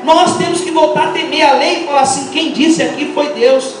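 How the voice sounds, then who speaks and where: A middle-aged woman with a Brazilian accent preaching an impassioned Pentecostal sermon, firing rhetorical questions and breaking into shouts. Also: sits high, fairly even intonation, brisk, music in the background. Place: large church hall. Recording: echoey church hall, mic far off.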